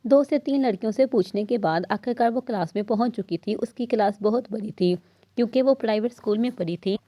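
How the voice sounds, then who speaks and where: A woman reading a novel aloud in steady storytelling narration. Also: on the high side, brisk, no room sound.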